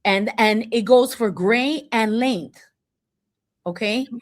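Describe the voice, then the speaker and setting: A woman's voice: on the high side, takes it slowly. A woman in her forties co-hosting a podcast, chatting casually and giving firm, playful opinions. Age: 40s. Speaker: podcast co-host. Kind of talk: casual chat.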